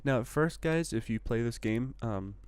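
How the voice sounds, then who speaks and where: A man's voice: mid-range voice, expressive, normal speed, darkish tone, smooth. Groggy young man chatting over gameplay. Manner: chatty, rambling, upbeat. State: groggy morning voice, a little congested. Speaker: gaming channel host. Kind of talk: casual gameplay commentary.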